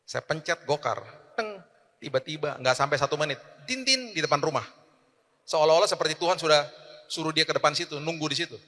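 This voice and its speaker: A man pastor preaching a sermon, swinging from loud emphatic declarations to quiet storytelling. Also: on the high side, fairly quick, long reverb tail.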